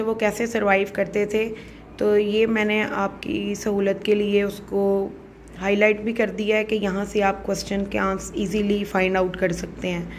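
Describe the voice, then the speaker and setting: Female teacher, Pakistani English accent, patient explanatory delivery, faint hiss behind. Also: medium pitch. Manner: slow, explanatory, switches into Urdu to explain. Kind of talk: recorded homework walkthrough.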